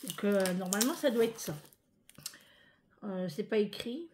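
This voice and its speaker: A woman from France chatting casually to her viewers in a vlog, emotional and expressive. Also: mid-range voice, unhurried. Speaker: vlogger. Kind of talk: casual chat.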